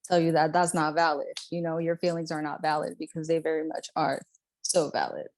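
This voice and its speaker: Low-voiced woman, earnest and chatty. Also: little pitch movement, brisk, darkish tone. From born in Puerto Rico, raised in Brooklyn. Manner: earnest, frequent "like, you know" fillers. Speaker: guest artist. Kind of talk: casual interview chat.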